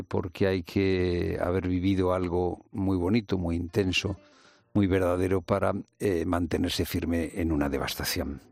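A low-voiced man with a light Andalusian lilt speaks as a guest in a radio studio. His voice has a rough, gravelly edge and he hesitates often, circling back and restarting his sentences. The sound is close and dry. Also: a little mellow, no echo. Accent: light Andalusian Spanish. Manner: hesitant, many fillers and restarts. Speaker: guest journalist and documentary maker. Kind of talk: radio interview conversation.

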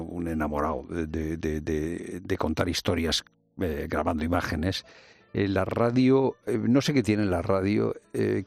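A man's voice: deep voice, creaky, a little mellow. A man with a light Andalusian Spanish accent, a guest in a radio interview, talking hesitantly with many fillers and restarts. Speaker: guest journalist and documentary maker.

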